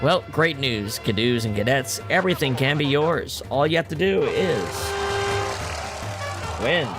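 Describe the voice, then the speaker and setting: Man doing a booming prize announcer, game show host. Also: animated, unhurried, loud music behind the voice. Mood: showy, excited.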